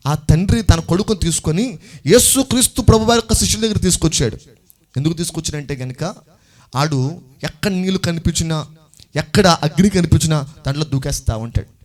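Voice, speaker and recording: A man preaching a sermon as pastor, repeating phrases and building to loud exclamations as he calls on the congregation to answer back. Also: a little high, lively intonation, brisk. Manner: call-and-response preaching, urging the congregation to answer louder.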